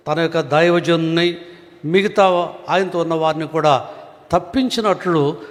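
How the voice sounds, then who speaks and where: A man preaching a sermon as pastor, earnest and given to rhetorical questions. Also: sits high. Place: church hall. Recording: long reverb of a church hall.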